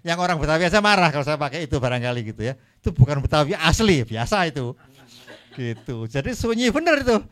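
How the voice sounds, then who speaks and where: An older man, an author guest at a book talk, chatting in a relaxed way, laughing often and trailing off his sentences. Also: a little high, fast talker.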